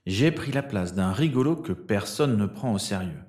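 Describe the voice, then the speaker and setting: A man's voice: lowish voice, expressive, moderate pace, a little mellow, dry recording, clean studio sound. A man reading the part of an earnest, desperate young wizard boy. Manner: pleading, insistent.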